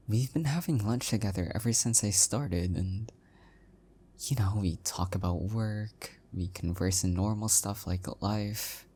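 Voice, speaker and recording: In a close, one-sided audio roleplay, a man voices a sweetly dorky young husband who puts himself down. His low, husky voice comes out soft, hesitant, and affectionate, with a fond, oblivious mood.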